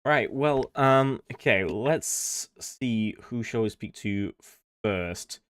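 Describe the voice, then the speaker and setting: A man co-hosting a race broadcast and interviewing drivers, hesitant with many pauses and restarts. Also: lowish voice, expressive, a bit bright, no echo. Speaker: co-host and interviewer.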